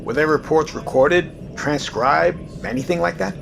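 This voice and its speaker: In an audio drama, a male actor plays a composed, businesslike naval commanding officer, measured and authoritative. His voice is a little high and heard over music, with clear background noise and ambience.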